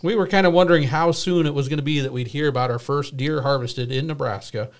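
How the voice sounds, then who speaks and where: A male host talks in a relaxed, meandering way, with plenty of "uh" and "kinda". His voice sits a little higher than most men's. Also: quick pace. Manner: relaxed, rambling with fillers. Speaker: show host. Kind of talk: casual interview chat.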